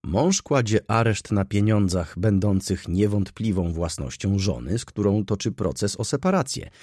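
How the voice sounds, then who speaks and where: A man's voice: lowish voice, lively intonation, moderate pace, a little mellow, no room sound, studio quality. A man reading an audiobook and voicing a jovial, self-satisfied lawyer who speaks in a formal manner. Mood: pompous. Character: jovial pompous middle-aged male lawyer.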